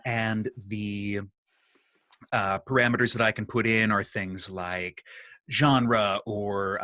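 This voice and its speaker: A man's voice: on the low side, pushed and bright, no room sound. A man who narrates audiobooks, talking casually on a video call, self-deprecating and full of restarts. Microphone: studio microphone.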